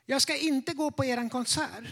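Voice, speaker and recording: Brief: skeptical older woman, nervous, rushed delivery, raised pitch and volume, played by a man. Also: gravelly, fairly bright tone, full character voice. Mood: earnest. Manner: hurried, fast talk.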